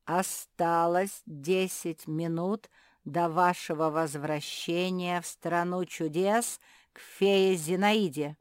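A woman voicing a stone that counts down slowly with an ominous bass voice in a storybook. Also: vocal fry, darkish tone, no room sound, studio quality, full character voice. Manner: slow, counting down.

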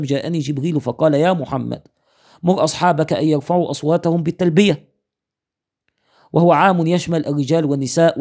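A man reads a jurisprudence text aloud at a quick clip, his voice mellow and a little higher than most men's. He counts off numbered points and names his sources in a measured teaching manner. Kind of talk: reading a fiqh text aloud.

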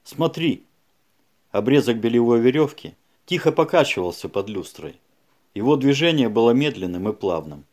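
A man's voice: mid-range voice, brisk. Man reading a crime audiobook. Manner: lively, conversational asides to the listener. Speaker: narrator. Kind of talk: audiobook narration.

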